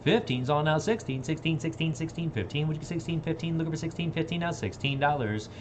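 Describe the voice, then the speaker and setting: A man's voice: on the high side, lively intonation, quick pace, noisy background. A man working as an auctioneer, repeating numbers in a bid chant and talking informally to bidders. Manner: informal, plain-spoken.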